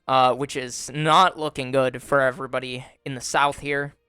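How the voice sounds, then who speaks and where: Young man, gameplay commentator; bright, smooth voice, dry close mic, faint music underneath, wry and unhurried. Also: mid-range voice, no room sound. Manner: relaxed, wry commentary with frequent fillers. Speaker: gaming YouTuber. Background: faint background music.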